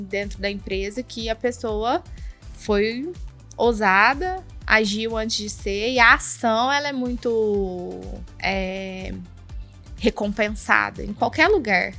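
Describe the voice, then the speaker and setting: A woman's voice: on the high side, pushed and bright. Brazilian woman chatting on a podcast, slightly lispy speech, encouraging, music playing under her. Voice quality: slight lisp from a tongue-tie. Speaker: podcast guest. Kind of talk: casual podcast conversation.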